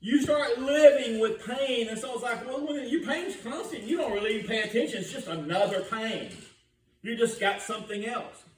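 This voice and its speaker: A man's voice: very high voice, normal speed, slight background noise. An older man preaching a sermon in a folksy, storytelling way, often asking the congregation questions. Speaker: pastor. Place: church sanctuary. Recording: roomy church recording from a distance.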